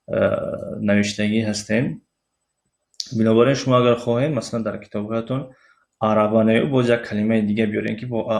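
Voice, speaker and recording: Low-pitched, creaky, and darkish in tone, this Tajik-accented man records a language lesson at a slow pace, full of pauses and fillers, spelling words letter by letter.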